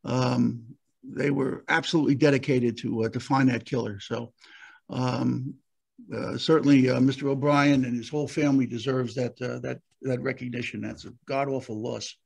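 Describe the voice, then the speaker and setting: Hoarse-edged man hosting with many fillers. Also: mid-range voice, fairly even intonation, a little mellow. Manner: halting, with many fillers and restarts. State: losing his voice. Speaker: county prosecutor hosting the event. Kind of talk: hosting a virtual conference. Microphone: video call.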